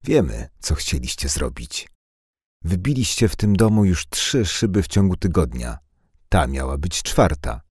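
A man's voice: low voice, sing-song, a little slow, slightly rough, no room sound, studio quality, full character voice. A man voicing a stern, threatening tough grown man.

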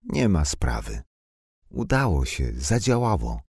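A calm, reserved woman who answers in quiet, measured, brief phrases, as a man reads her. The voice stays very deep and dark. Dry, close storybook recording. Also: gravelly, slightly rough, dry recording, full character voice. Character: calm, reserved grown woman hiding in a village.

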